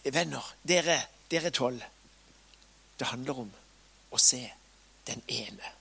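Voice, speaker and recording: A preacher quietly voicing Jesus as a gentle, kind man, his words soft and partly whispered. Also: medium pitch, expressive, gravelly, breathy edge, voice pushed down. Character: gentle, kind male Jesus speaking softly.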